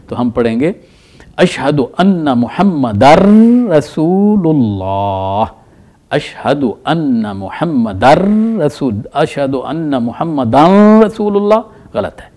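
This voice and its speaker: A man teaches a tajweed lesson, explaining patiently and reciting examples slowly with stress. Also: mid-range voice, mellow.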